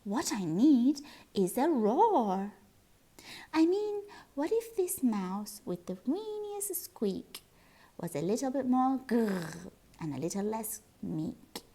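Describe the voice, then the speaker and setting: A woman voicing a timid, nervous little male mouse in a read-aloud picture book, with a squeaky, breathy voice and a stammering, hesitant way of talking. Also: big pitch swings, slow, dark tone, exaggerated voice. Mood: eager.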